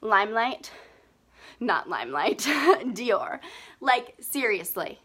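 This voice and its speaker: A young woman talking on a live makeup video, gushing and excitable, breathing a little heavily. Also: fairly high pitch, slow, breathy edge. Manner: gushing, excitable, lots of "like" and "seriously". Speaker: beauty vlogger.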